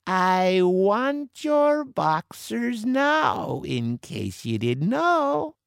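A man acts out a ruthless woman pirate captain for a storybook tale. The voice is pitched very high and swings widely, with a bossy, commanding big-sister manner. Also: sing-song, drawn-out words, gravelly, fairly bright tone, clean tone, no room sound, clean studio sound, exaggerated voice. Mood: bossy, threatening.

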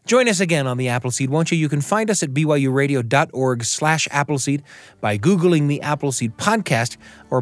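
Animated American man hosting a radio show. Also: medium pitch. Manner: appreciative, encouraging. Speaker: radio show and podcast host. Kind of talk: conversational interview and warm sign-off to listeners.

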